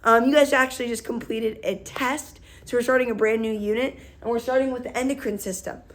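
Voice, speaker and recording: An energetic woman teacher giving an upbeat, chatty classroom lecture. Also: on the high side, brisk, far from the mic. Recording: echoey room.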